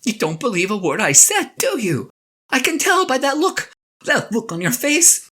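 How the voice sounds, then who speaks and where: Woman acting a high-voiced, flustered, reluctant Moses. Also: very animated, fairly bright tone, slightly rough, heavily acted. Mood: exasperated, sheepish. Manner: halting, stammering, pleading, sighing. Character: flustered, reluctant Moses, an aging husband pleading to be believed. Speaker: actor in a one-person audio drama. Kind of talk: dramatic monologue, conversational and halting. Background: guitar and piano music.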